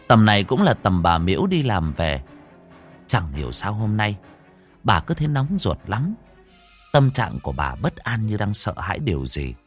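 A man narrating an emotional story in a dramatic, expressive way. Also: on the low side.

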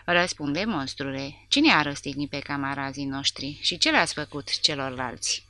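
A woman's voice: sits low, no room sound. A woman voicing a brutal, mocking male soldier who interrogates prisoners with harsh threats. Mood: menacing. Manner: harsh, sneering, shouting threats.

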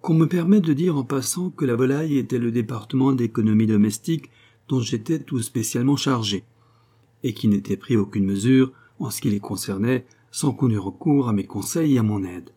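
A man reading a novel aloud in steady, measured narration. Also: medium pitch, breathy edge. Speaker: audiobook reader. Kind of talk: scripted narration.

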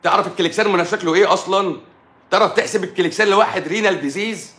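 A man's voice: high voice, rapid-fire, a bit bright. A middle-aged man with an Egyptian Arabic accent, a doctor ranting combatively on a live stream and firing off rhetorical questions. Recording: echoey room.

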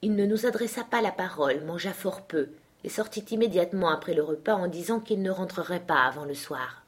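Husky woman reading a classic novel. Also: lowish voice. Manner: measured, even storytelling. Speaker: audiobook reader. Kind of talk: scripted narration.

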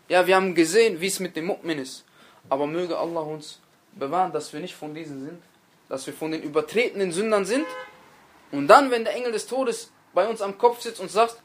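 A man giving a religious lecture, preaching earnestly, repeating key phrases and addressing his listeners directly, with dramatic stress on quoted speech. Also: high voice.

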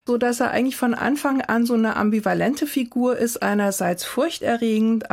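A woman explains in measured, calm tones as an expert in a radio feature. Her voice sits at medium pitch, and she speaks in an even, explanatory way. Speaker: literary expert.

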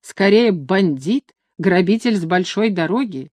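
A woman reading an audiobook, voicing a pompous, hot-tempered young nobleman with shrill, indignant outbursts. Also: lively intonation, a little slow, darkish tone, dry recording.

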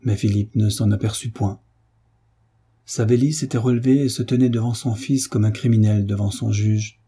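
A man narrating a classic novel in a measured, solemn audiobook reading. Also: lowish voice, fairly even intonation, mellow, slightly rough. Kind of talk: scripted literary narration.

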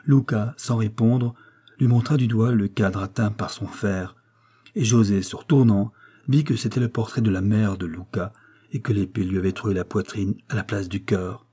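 Man, audiobook narration, husky voice, deep, measured dramatic storytelling. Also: steady tone, warm tone.

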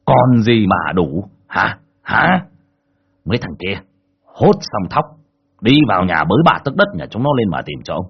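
A cruel village landlord, played by a man, barking abuse and orders in a husky voice that swings wildly up and down. His tone is harsh and domineering, as in a spoken storybook. The recording is dull and lo-fi. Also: deep voice, big pitch swings, moderate pace, long pauses, heavily acted. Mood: bullying rage. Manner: barking, abusive, shouting orders. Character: cruel bullying male village landlord, middle-aged.

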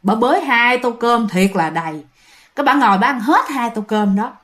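Speaking at a moderate pace in a higher-pitched voice, a southern Vietnamese woman recounts a ghost story. Her telling is animated and casual, and she frequently turns to address her listeners directly.

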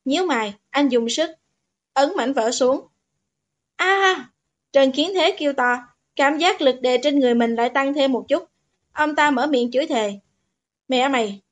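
A woman reads a romance novel aloud in a bright, high voice. Her narration is steady and even, the plain pacing of a scripted audiobook. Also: normal speed.

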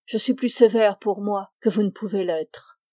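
Une lectrice faisant un jeune homme pieux et tourmenté. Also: female voice, mid-range voice, normal speed, warm tone, no room sound, studio quality, natural voice. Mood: humble. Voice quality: earnest, pleading. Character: anguished pious young man pleading with his mother.

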